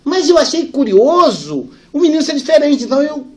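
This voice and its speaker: A man giving a spiritist lecture, telling family anecdotes lively and softening for the sad parts. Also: very high voice, brisk. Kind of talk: storytelling lecture.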